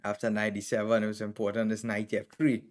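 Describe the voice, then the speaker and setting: A Trinidadian man with a lowish, monotone voice talks quickly during a live stream, reviewing chess games move by move. He thinks aloud and calls out moves in short bursts.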